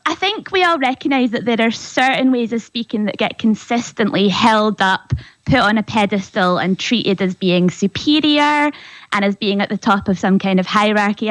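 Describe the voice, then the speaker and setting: A woman's voice: mid-range voice, normal speed, no room sound, rough recording. Woman explaining with a dry, close sound. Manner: explanatory, tag questions, laughs lightly. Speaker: linguist guest. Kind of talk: radio discussion.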